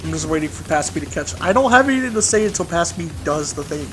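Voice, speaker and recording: This man talks fast in a high, animated voice, delivering rambling, casual let's play commentary full of swearing as he plays through a game. It's a voice-over, with game music and gunfire in the background.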